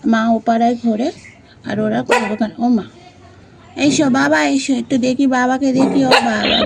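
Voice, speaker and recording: A woman's voice: fairly high pitch, vocal fry, background noise. Woman cooing at barking dogs. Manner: cooing, affectionate baby talk to animals. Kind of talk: talking to neighborhood dogs on camera.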